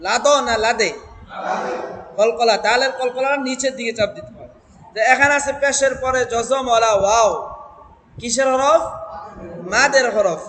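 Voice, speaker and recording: A man teaching Quran reading, chanting verses slowly and then explaining them letter by letter while quizzing students and having them repeat. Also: extremely high pitch, a bit bright, a little hiss or hum. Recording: echoey hall with long reverb.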